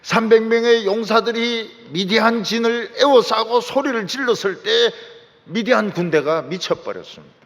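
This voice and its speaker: Fervent gravelly pastor in a hall. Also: male voice, high voice, moderate pace. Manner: fervent preaching, shouting out lines. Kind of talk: sermon. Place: large church sanctuary. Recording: church hall with long reverb.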